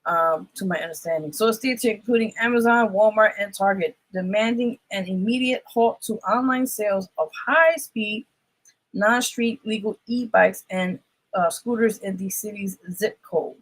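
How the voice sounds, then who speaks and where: A woman hosting a radio show, reading news items haltingly and tossing in profane offhand remarks. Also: medium pitch, rough recording. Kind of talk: casual news rundown.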